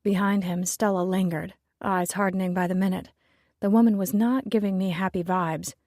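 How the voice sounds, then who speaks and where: A woman narrating a first-person novel in a quiet, wry, understated way. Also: medium pitch, steady tone, moderate pace, dry recording, clean studio sound. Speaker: audiobook narrator.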